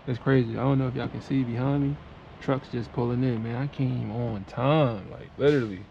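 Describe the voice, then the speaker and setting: Male trucker, vlog to camera, gravelly texture, chill slangy delivery, noisy cab behind. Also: medium pitch, steady tone, fairly quick, mellow, muffled recording. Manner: laid-back, slangy, chatty. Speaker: truck driver. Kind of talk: casual vlog talk to camera. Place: inside a truck cab at a warehouse.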